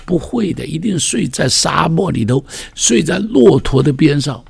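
A man's voice: a little high, sing-song, a little slow, gravelly, a little mellow, slightly rough. A male pastor retelling a story in a sermon, dramatic and vivid, with many rhetorical questions.

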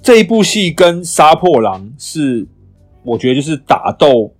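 A man's voice: a little high, soft background music. A man co-hosting a casual podcast chat, retelling movie scenes with acted-out lines. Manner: fast, animated storytelling with acted-out movie lines. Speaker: podcast co-host.

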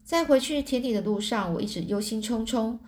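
A woman's voice: a little high, fairly quick, darkish tone. A woman reading a translated novel aloud in a plain storytelling manner, often stumbling and correcting herself. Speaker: storybook reader.

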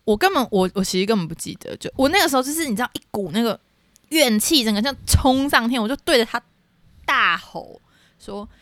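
A young woman tells a story on a casual podcast. Her pitch swoops up and down all the time, and she shouts out quoted lines. The sound is close and dry. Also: fast, dry recording. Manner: animated, dramatic retelling with shouted quotes. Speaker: podcast co-host.

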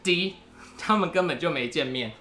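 A man with a Taiwanese Mandarin accent co-hosts a loose, casual podcast. He sets up joke quiz questions like a storyteller, and his voice comes across bright and forward. The recording has a roomy echo from an unfamiliar space. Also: fairly high pitch, animated, normal speed. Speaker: podcast co-host.

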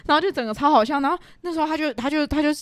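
A woman's voice: sits high, racing. A young woman with a Taiwanese Mandarin accent, co-hosting a podcast and telling stories in casual chat, full of fillers and laughter. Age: young adult. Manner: storytelling with lots of fillers and laughter. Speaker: podcast co-host.

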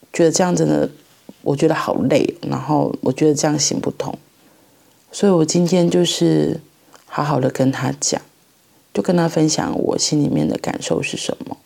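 A middle-aged woman with a Taiwanese Mandarin accent, a mother reflecting on parenting in a thoughtful, halting monologue. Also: sits low, creaky, mellow. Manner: halting, thoughtful, pauses mid-phrase.

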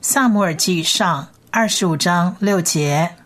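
Patient woman teaching Hebrew sounds. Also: on the low side. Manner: slow, patient spelling-out of sounds. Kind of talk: Bible language lesson.

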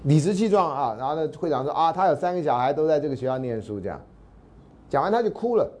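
A man's voice: on the high side, animated, quick pace, darkish tone. A man with a Taiwanese Mandarin accent giving a university lecture, telling anecdotes in a chatty way, acting out the dialogue and often asking his listeners whether they follow. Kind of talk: storytelling lecture.

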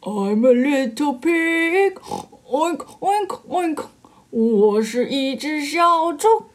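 A woman's voice: high voice, animated, heavily acted. A woman voicing a playful little pig in a storybook, oinking and drawing out her words over guitar music. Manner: oinking, drawn-out and sing-song. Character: playful little pig who loves mud.

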